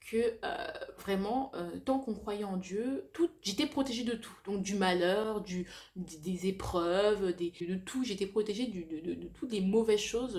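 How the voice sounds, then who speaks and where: A young woman talks to her viewers in a casual, confessional way, at a middling pitch. Her s sounds come out slushy with a lisp. She is animated yet halting, often correcting herself and slipping in slang and English words. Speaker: vlogger.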